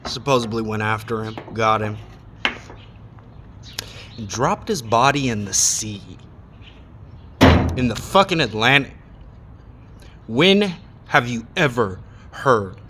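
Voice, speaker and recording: A man in his thirties in a casual, heated rant, swearing often and pausing between thoughts. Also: medium pitch, animated, background noise. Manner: heated, swearing, with long pauses. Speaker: monologue speaker.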